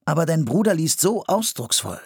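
An excitable grown man, a playwright who gushes praise and coaxes without letup, as a male narrator puts him on. His voice runs a touch higher than the reader's own, with a lively, swinging lilt and a slightly husky edge, in a dry, close storybook reading. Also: normal speed, no echo, full character voice. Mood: eager. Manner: enthusiastic, coaxing. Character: excitable adult male playwright, eager and persuasive.

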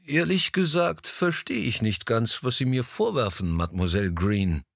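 A man's voice: mid-range voice, expressive, moderate pace, gravelly, dry recording. A proud, silver-haired art dealer who grumbles and speaks with mild condescension, read by a male narrator. His voice rises and falls widely over a dry, close recording. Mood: testy. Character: vain silver-haired male gallery owner, gruff. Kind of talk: audiobook dialogue.

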